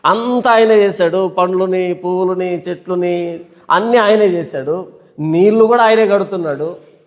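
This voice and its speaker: Male pastor, high pitch, emphatic sermon delivery full of rhetorical questions, long reverb tail. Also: unhurried.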